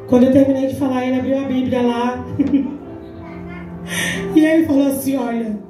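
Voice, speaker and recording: A Brazilian deaconess in her forties gives an emphatic testimony sermon at a church women's congress, acting out the dialogue she recounts. Her high voice is fairly even in intonation at a normal pace, with a Brazilian Portuguese accent. She's heard from far off in an echoey large church hall, faint music behind her.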